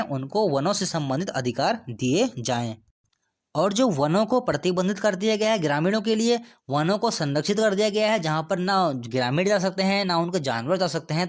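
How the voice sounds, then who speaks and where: A male teacher with a voice pitched a little above the usual delivers an exam-prep lecture. He keeps asking rhetorical questions and answering them, and he goes over each important date twice so it sticks. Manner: explains step by step, repeats key dates, asks and answers his own questions.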